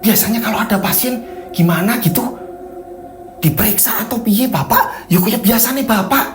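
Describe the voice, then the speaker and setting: A man's voice: sits high, moderate pace, roomy sound, faint music behind, pitched above the performer's own voice, close to an everyday voice. A man voicing a healer's middle-aged wife, scolding and questioning her husband. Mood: nagging.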